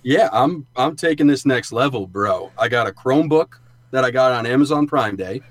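A man's voice: mid-range voice, expressive, moderate pace, no echo. Man chatting in a dry sound booth. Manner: informal, explanatory. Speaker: podcast co-host. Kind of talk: casual sports analysis chat.

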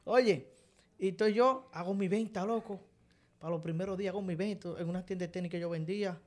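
Brisk and high-pitched, a Dominican Spanish-accented man co-hosts a podcast, trading funny stories in relaxed conversation. He is animated and keeps laughing through his own anecdotes.

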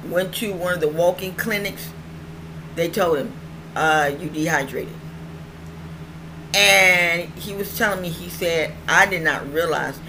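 Hosting her own online show, a middle-aged woman chats in a rambling vlog style, her toothless speech slightly slurred and her phrases often repeated for emphasis. She speaks in a lowish voice at a measured pace, pausing often. The recording, made at home, is clearly noisy.

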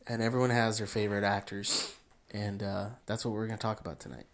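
A man's voice: fairly low pitch, quick pace. Casual young man telling a story. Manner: animated storyteller, acts out the people he quotes. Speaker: podcast co-host.

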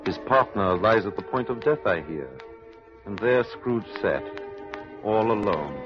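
Gentle husband, low register, vintage radio drama, muffled band. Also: male voice, animated, unhurried. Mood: reflective. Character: gentle husband sharing news with his wife. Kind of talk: 1930s radio acting. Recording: muffled old radio broadcast, music behind.

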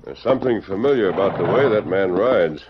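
Masked cowboy hero, low authoritative voice, steady n formal, muffled old radio drama sound. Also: male voice, brisk, noisy background. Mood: calm, curious. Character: masked male Western hero, calm, commanding, steadfast. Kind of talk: old-time Western radio drama acting. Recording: dull, band-limited old radio recording.

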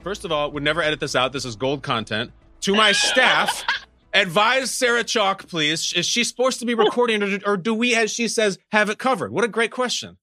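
A male podcast game show host with a bright, forceful voice pitched on the high side. He talks like an emphatic showman, mock-dramatic in his banter, with faint music. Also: lively intonation, normal speed.

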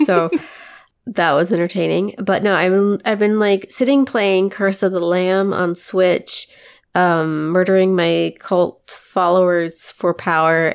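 A woman co-hosting a podcast in casual chat, with a gravelly, croaky voice as she gets over a cold. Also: on the low side. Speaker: podcast co-host.

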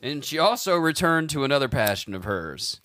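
Male podcast host, bright tone, crude and laughing, casual storytelling. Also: on the high side, very animated, brisk. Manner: crude, jokey, laughs often. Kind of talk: casual comedic chat, recounting history.

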